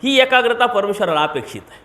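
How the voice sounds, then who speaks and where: High-voiced preaching man in an echoey room. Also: animated, fast talker, fairly bright tone. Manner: rhetorical questions and emphatic repetition. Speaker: monk preacher. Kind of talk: devotional sermon.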